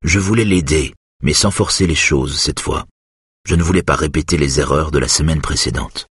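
A man narrating a first-person novel as an audiobook, calm and measured. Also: extremely low pitch, slightly rough, dry recording, clean studio sound.

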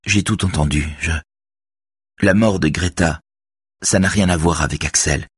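A grieving man speaks in tense, broken phrases, voiced by a male reader. The voice is very deep and husky, recorded dry and close. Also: no echo, full character voice. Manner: tense, halting.

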